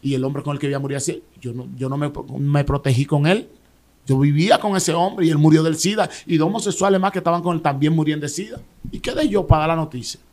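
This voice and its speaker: A man with a Dominican accent giving an emotional personal testimony as an interview guest, telling his story in an animated way with restarts and repeated words. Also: fairly high pitch, fast talker. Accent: Dominican Spanish.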